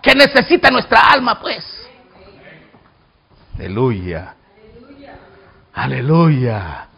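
A male pastor preaching a fervent sermon, shouting out calls and then dropping low, with jokes for the congregation. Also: wildly swooping pitch, takes it slowly, gravelly, husky.

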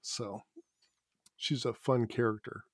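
A guest author chats casually on a podcast, speaking slowly in a mid-range voice with fairly even intonation. He chuckles often and mocks his own verbal habits. The recording is close and dry, with no echo or room sound.

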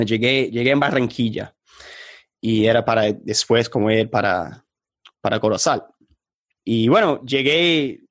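An Englishman appears as a podcast guest, telling animated anecdotes in halting, hesitant Spanish during a casual interview. His voice is medium-pitched, and the recording is dry with clean studio sound.

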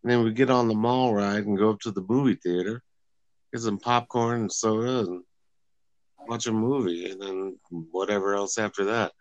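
A man's voice: fairly low pitch, fairly even intonation, moderate pace, lo-fi sound. A man chatting easily as a podcast guest over a video call, telling a loose story. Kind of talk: casual chat.

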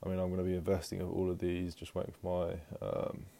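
A man's voice: low-pitched, monotone, fast talker, gravelly, warm tone. A man hosting a casual solo podcast from home, rambling with lots of fillers and restarts while he moves around the house. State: out of breath. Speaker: podcast host.

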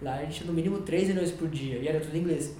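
A man's voice: a little high, racing, mellow, heavy reverb, a little hiss or hum. A Brazilian man chatting as a podcast guest, rambling and restarting sentences as he searches for words. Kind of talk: casual podcast conversation.

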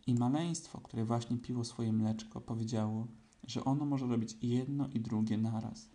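Dark-voiced man reading a storybook. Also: mid-range voice, normal speed. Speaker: narrator. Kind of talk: storybook narration.

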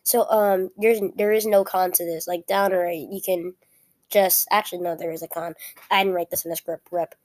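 A young woman, sick and weak-voiced, talking casually and haltingly as she hosts a solo student podcast from home. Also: lowish voice, fairly even intonation, a little mellow. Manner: halting, self-correcting, apologetic.

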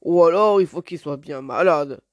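A woman voicing a grown male hunter in a storybook tale, speaking low and forcefully. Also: moderate pace, no room sound, natural voice. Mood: gruff. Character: gruff village hunter, grown man, bold.

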